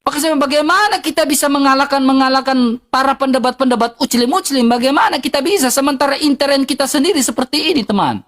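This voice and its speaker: A woman with an eastern Indonesian accent and a high-pitched voice talks fast as she rants heatedly and bluntly to her livestream viewers. She keeps repeating herself for emphasis.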